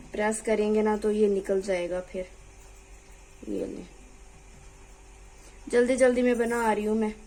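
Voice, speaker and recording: In a low-quality recording, a young woman with a fairly high pitch but dark tone runs a home cooking tutorial from her kitchen. She chats while cooking, begs viewers to subscribe, and now and then slips away from the mic.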